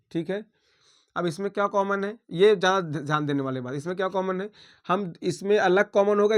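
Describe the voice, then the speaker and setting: A man's voice: sits high, fairly bright tone. A man teaching a maths lesson, talking through each step aloud and checking in with his students.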